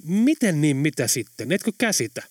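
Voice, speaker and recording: Audiobook role: determined adult man, lively delivery, read by a male narrator. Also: a little high, breathy edge, dry recording, clean studio sound.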